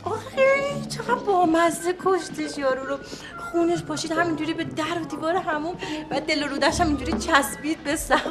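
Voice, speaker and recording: An actress playing a sitcom wife who teases and relishes gory details. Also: female voice, very high voice, few pauses, music in the background. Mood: teasing. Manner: teasing, savoring gory details. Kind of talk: sitcom acting.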